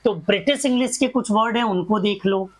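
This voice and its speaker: A woman's voice: medium pitch, a little fast. A woman teaching a grammar class, drilling examples one by one and asking rhetorical questions that she answers herself.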